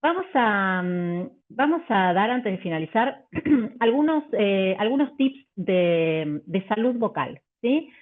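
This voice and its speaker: A woman vocal coach, teaching a live online workshop, full of fillers and restarts and demonstrating pitch and volume changes. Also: big pitch swings, slow. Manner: hesitant, many fillers and restarts. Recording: tinny phone-like audio.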